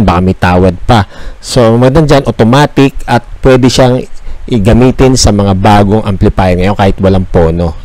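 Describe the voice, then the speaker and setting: A Filipino man vlogs a casual tour of a shop, narrating conversationally and pitching the items like a salesman. His voice has a darkish tone, and there's no echo.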